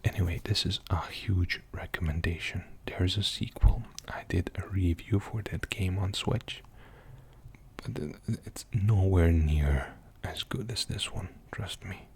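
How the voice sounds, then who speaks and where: A young man whispering softly in an ASMR video, rambling casually with many fillers. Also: sits low, measured pace. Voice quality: mostly unvoiced whisper. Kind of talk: whispered ASMR game show-and-tell.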